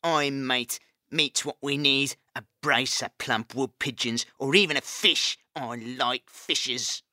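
A man voicing a small, timid, simple-minded male rat, soft and plaintive with rustic speech. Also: medium pitch, takes it slowly, no echo, clean studio sound, voice pushed up. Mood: wistful.

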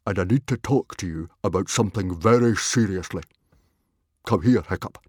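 A man voicing a huge, boisterous, dim-witted Viking chief and father in a children's audiobook, with a booming, husky, blustering delivery. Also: normal speed, a little mellow, no room sound, studio quality. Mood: solemn, firm. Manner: roaring, bellowing, blustering.

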